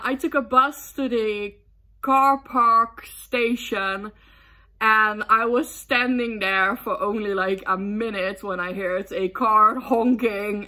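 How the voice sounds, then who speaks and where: Young woman from the netherlands chatting storytime, slow and unhurried, bright voice, giggles a lot. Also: a little high. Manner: giggly, excitable, many ums. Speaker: booktube vlogger. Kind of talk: casual storytime chat.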